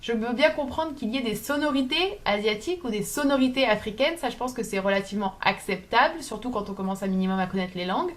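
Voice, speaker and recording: Fairly high-voiced young French woman. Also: animated, fast, few pauses. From France. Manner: thoughtful, hesitant with many fillers. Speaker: video essayist. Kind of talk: casual talk to camera.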